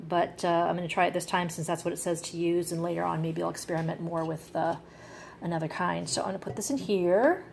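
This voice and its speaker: A woman's voice: on the low side, steady tone, fast talker, creaky, a little mellow, slight background noise. A woman giving an enthusiastic, chatty product demo to a camera she holds in her hand, poking fun at herself as she goes. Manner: chatty, enthusiastic, self-mocking. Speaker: product reviewer. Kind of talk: casual demo talk to camera. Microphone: handheld camera mic.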